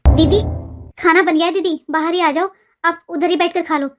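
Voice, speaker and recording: A sulky young cartoon wife who grumbles and snaps at everyone in the house. The voice sits extremely high and sharp, the way a household cartoon squabble is pitched. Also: female voice, fairly even intonation, moderate pace, music in the background. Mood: whiny. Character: nagging younger sister-in-law, resentful, complaining young wife. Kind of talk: cartoon voice acting.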